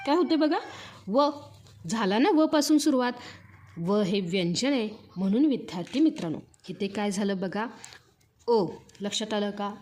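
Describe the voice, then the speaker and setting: Woman, Marathi accent, grammar teacher, repetitive questioning, mid-pitched voice, faint background noise. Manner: drills with repeated rhetorical questions. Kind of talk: classroom grammar lecture.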